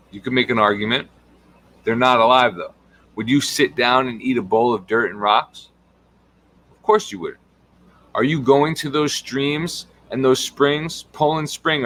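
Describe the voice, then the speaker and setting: A man's voice: medium pitch, fairly bright tone, rough recording. A man, a health coach giving an impassioned monologue full of emphatic rhetorical questions.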